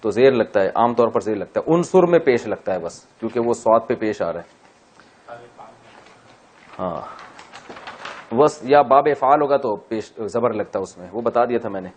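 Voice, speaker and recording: A man teaching Quran grammar in a class, explaining step by step, asking and answering his own questions, and chanting verses slowly. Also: mid-range voice, lively intonation, a little mellow. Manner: chanted slow Arabic verse recitation. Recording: dull lo-fi recording.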